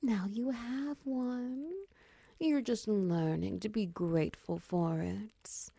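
A woman performing an intimate audio roleplay, speaking slowly and softly with a teasing manner that often drops into whispers. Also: mid-range voice, fairly even intonation, gravelly, no echo. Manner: slow, soft and teasing, dipping into whispers.

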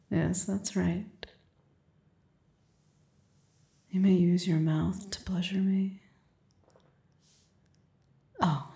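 A woman playing a commanding, seductive queen, speaking slowly and imperiously and often dropping to a whisper. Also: on the low side, vocal fry, dark tone. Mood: sultry, commanding. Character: commanding, seductive adult queen on her throne. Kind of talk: audio roleplay. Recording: roomy echo.

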